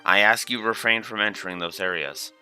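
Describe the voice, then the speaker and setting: Man as courteous maid, deferential, formal, sharp bright tone, game character. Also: on the low side, brisk, faint music behind. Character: polite, dutiful young castle maid.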